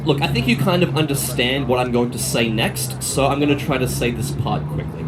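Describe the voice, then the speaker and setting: This recording is low quality, with loud music playing over the traffic and street noise. An Australian sword swallower from Melbourne works the crowd with comedic patter, his mid-range voice animated and a little fast as he cheekily ribs the audience and a volunteer.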